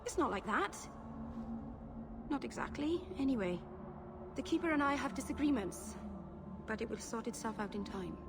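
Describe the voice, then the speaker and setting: A woman's voice: on the high side, expressive, normal speed, pauses often, music in the background. An actress playing a shy, earnest young elf woman, a mage who speaks hesitantly and apologetically in video game dialogue. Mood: guarded, hesitant.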